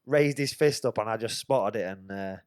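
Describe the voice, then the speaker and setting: On the lower side, smooth and at normal speed, this man's voice carries a podcast host's animated, expletive-laden story told conversationally. Studio-quality audio without room sound.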